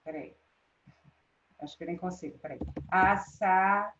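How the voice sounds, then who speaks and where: A woman's voice: mid-range voice, a little slow, slight background noise. A woman teacher with a Brazilian Portuguese accent giving a live online class, checking in with students often. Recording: roomy, dull lo-fi sound.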